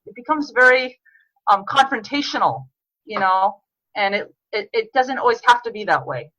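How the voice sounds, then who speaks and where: Bright, earnest woman author. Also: a little high, animated, moderate pace, no echo, muffled recording. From New York. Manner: earnest, reflective, with frequent restarts. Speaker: author guest. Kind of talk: podcast interview conversation.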